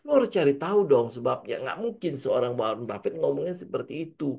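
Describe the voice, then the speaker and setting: Animated man coaching on trading. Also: mid-range voice, fast talker, creaky, husky. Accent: Indonesian, Jakarta slang. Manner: animated, asks rhetorical questions and acts out traders' voices. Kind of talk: casual trading lesson.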